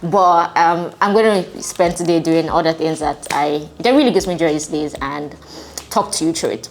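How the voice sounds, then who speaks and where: Hungover and in her twenties, a vlogger who hosts her own channel talks to viewers in a low voice at a moderate pace. She's informal and reflective, chatting conversationally over background music.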